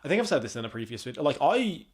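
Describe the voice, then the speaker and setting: A man's voice: mid-range voice, big pitch swings, racing, husky. A young man hosting a casual commentary, talking in a rambling, sarcastic way and swearing freely. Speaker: commentary host.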